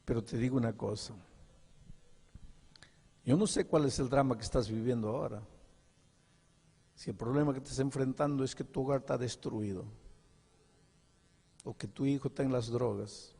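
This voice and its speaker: An older man preaching a sermon as a pastor, telling a story with dramatic dialogue and swinging from hushed to loud. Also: medium pitch, normal speed, vocal fry, pauses often, slightly rough, in a large hall. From Peru.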